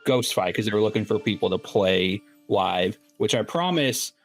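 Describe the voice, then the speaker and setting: A man's voice: lowish voice, lively intonation, normal speed, faint music behind. A man co-hosting a podcast in casual chat, with dry, self-deprecating humor. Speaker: podcast co-host.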